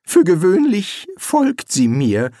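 A man's voice: high-pitched, huge pitch swings, takes it slowly, warm tone, no echo, studio quality, pitched above the performer's own voice, full character voice. A man voicing a nervous, sly wizard. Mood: wary. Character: nervous, cowardly male wizard, wary and sly. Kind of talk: audiobook character voice.

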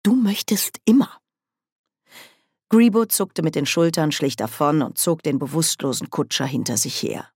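A woman narrating an audiobook in a measured, even storytelling manner on a close mic. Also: low voice, no room sound. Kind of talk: scripted narration.

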